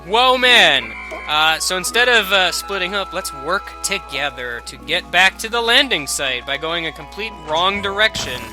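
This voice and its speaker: A young man casually commenting on a video game as he plays, rambling and jokey, with sudden loud excited outbursts. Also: high voice, a little slow, music in the background. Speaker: let's play commentator.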